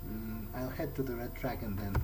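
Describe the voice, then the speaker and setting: Poor audio captures a man playing a game in character, chatting in a hesitant, reflective way as he roleplays. His mid-range voice is steady and moderately paced, with the game's soundtrack playing faintly in the background.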